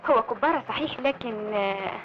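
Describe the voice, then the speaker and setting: A woman's voice: a little high, fairly quick, lightly acted. An actress with an Egyptian Arabic accent playing a playful young woman who teases an old man sweetly. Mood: teasing. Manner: teasing, sweet. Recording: dull old film soundtrack with music.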